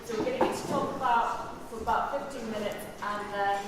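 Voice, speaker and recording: A woman chairing a workshop, introducing the next speaker in a measured, businesslike way. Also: fairly high pitch. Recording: distant mic in a very echoey hall, clear noise.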